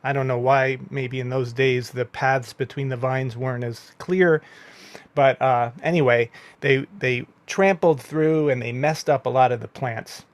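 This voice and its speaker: A man's voice: medium pitch, measured pace. A man, a rabbi and meditation teacher, telling a teaching story in a conversational way, with asides and fillers. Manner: lively when voicing the story's characters.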